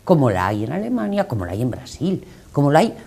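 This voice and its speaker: A woman's voice: rumbling low, very animated, fast, creaky, a little mellow, husky. A woman with an Andalusian accent questioning guests as interviewer in a political interview. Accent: Andalusian Spanish.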